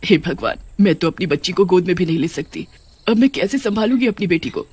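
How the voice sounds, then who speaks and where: A woman voicing a widowed mother who becomes a gentle witch in a cartoon horror story. She speaks in a pleading, emotional way. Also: fairly low pitch, lively intonation, brisk, husky. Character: grieving widowed mother turned witch, tender.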